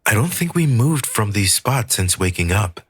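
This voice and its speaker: A frightened, bewildered woman, as a male audiobook reader puts her on, pitched high with a breathless, urgent lift and lively swings. Her voice keeps a husky edge, close and dry. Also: moderate pace, no room sound, heavily acted. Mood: anxious. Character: frightened, bewildered woman caught in strange events.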